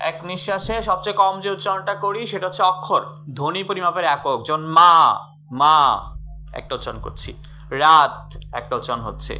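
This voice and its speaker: A man's voice: high voice, pushed and bright, slight background noise. A middle-aged man teaching a live online grammar class, repeating questions over and over and coaxing his students to answer.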